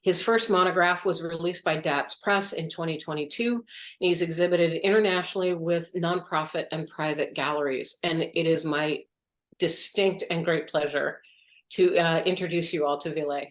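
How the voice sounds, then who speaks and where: A woman's voice: sits low, fairly even intonation, moderate pace, roomy sound. A woman, a museum director, introducing an artist and thanking supporters. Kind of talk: introducing a speaker.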